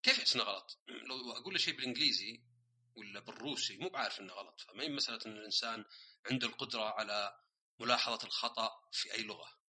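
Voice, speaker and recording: Fast-talking man with a bright, husky voice. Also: mid-range voice, low-quality recording. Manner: explains with everyday examples, mixes in English words. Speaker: podcast host. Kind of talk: casual solo podcast talk.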